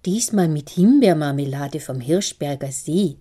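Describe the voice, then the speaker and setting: Woman voicing soothing homely mother, calming, mellow low voice. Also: a little slow, breathy edge, heavily acted. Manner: soothing, placating.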